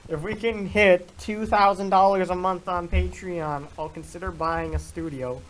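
A man's voice: high-pitched, fairly even intonation, normal speed, fairly bright tone. A teenage boy hosting a casual podcast, joking, swearing freely and laughing between lines. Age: teens. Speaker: podcast host. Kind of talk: casual chat. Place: indoors, in person with a co-host.

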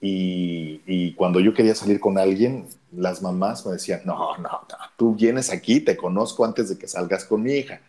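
Speaking at normal speed with few pauses, a radio announcer tells his story casually and acts out the dialogue. He has a deep, dark voice and a Mexican Spanish accent.

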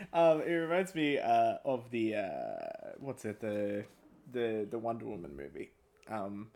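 A man's voice: fairly low pitch, sing-song, takes it slowly, gravelly, darkish tone. A man co-hosting a casual book-discussion podcast, chatty and laughing often. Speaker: podcast co-host.

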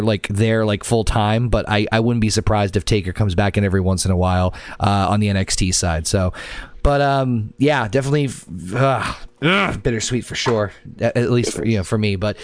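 A man hosting a casual podcast, talking in long, rambling runs full of fillers. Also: lowish voice. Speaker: podcast host.

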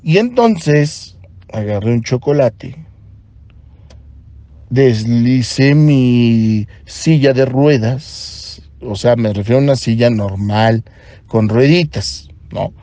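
A man with a Mexican accent, a podcast host and doctor, telling a story in an animated way and acting out the dialogue. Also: medium pitch, takes it slowly, no echo. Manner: animated, acts out dialogue in other voices. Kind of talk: storytelling monologue.

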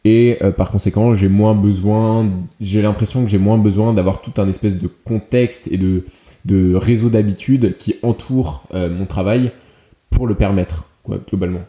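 A man with a low, very dark and mellow voice explains his views in a casual podcast. He pauses often to think. His voice rings in a roomy, echoey space. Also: steady tone. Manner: reflective, explanatory, hesitant. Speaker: podcast co-host. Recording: roomy echo.

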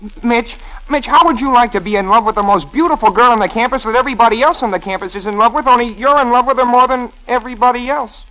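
A man's voice: very high-pitched, quick pace, sharp tone, rough recording. An actor playing an anxious, lovestruck young male college student who stammers earnestly, in 1940s radio acting style. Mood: fretful.

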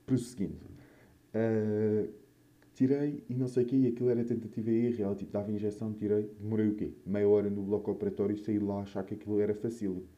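A young man with a European Portuguese accent and a slightly low, very dark, mellow voice. He rambles through personal stories like a solo host, in loose, sweary slang. His mouth is a little swollen after having wisdom teeth out. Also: level tone, fast, muffled recording. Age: young adult. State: mouth still a bit swollen after wisdom tooth removal. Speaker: podcast or vlog host. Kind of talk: casual solo chat, rambling anecdotes.

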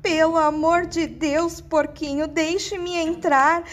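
A woman's voice: high-pitched, expressive, takes it slowly, slight background noise, pitched above the performer's own voice. A woman voicing a frightened, pleading male maned wolf who whines and begs in a storybook. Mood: pleading, tearful. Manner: whiny, tearful pleading.

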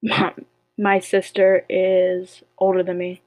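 A woman's voice: fairly low pitch, monotone, slow pace, darkish tone, no room sound. A young woman co-hosting a casual podcast, playful and teasing with slangy banter. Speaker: podcast co-host. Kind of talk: casual chat game with a friend.

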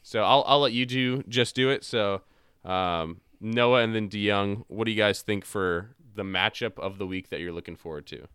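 A young man with a bright, crisp voice hosts a casual fantasy football chat, slightly hoarse from yelling. He trails off and restarts, then gets loud when excited. The sound is dry and close. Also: fairly low pitch, moderate pace, no echo. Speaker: podcast host.

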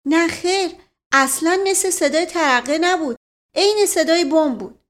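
A woman's voice: extremely high pitch, a bit bright, pitched above the performer's own voice. A woman voicing a cheeky young boy who keeps insisting and cutting in, in a storybook reading. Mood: insistent. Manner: eager, insistent interrupting.

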